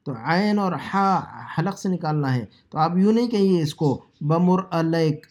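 A man from South Asia teaching Arabic phrases, explaining in a conversational lesson and repeating words slowly to drill pronunciation. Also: sits high. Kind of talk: language lesson, Urdu explanation.

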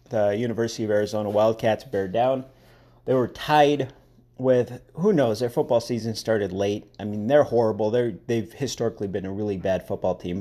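A man talks alone on his podcast in a casual, rambling way, wry and opinionated as he wanders off on side stories. His voice is mellow and on the darker side, sitting at an average pitch. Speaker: podcast host. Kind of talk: casual solo podcast monologue.

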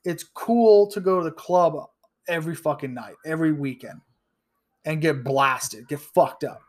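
Guy in his 30s ranting on his podcast, swears a lot, trips over his words, pitch a bit on the high side. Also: normal speed. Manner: blunt and profane, with frequent restarts. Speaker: podcast host. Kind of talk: ranting solo podcast commentary.

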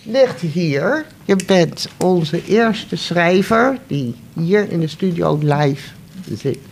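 Woman hosting a radio show, slow and cheerful, chatting in the studio. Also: on the low side, expressive, creaky, a little mellow, slight background noise. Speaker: radio host.

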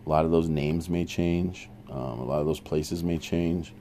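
Very deep, mellow-voiced man teaching. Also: fairly even intonation, normal speed, slight background noise. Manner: conversational, with frequent "um" and restarts; earnest, practical advice-giving. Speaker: recovery podcast host. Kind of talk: informal teaching monologue.

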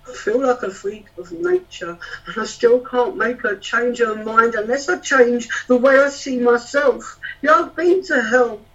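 A man's voice: very high-pitched, expressive, a little slow, hardly any pauses, fairly bright tone. A man, a spoken-word poet, performing rhythmic rhyming verse and chatting hesitantly with fillers between poems. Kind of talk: spoken-word poetry performance and casual chat. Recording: distant, dull lo-fi sound.

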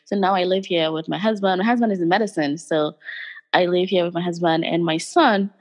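A woman from Ghana, a guest in an interview, talks in an earnest, thoughtful way and often stops to gather her words. Her voice sits fairly low. It rings with a long reverb. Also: a little fast. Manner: thoughtful, earnest, with frequent fillers. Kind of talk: interview conversation.

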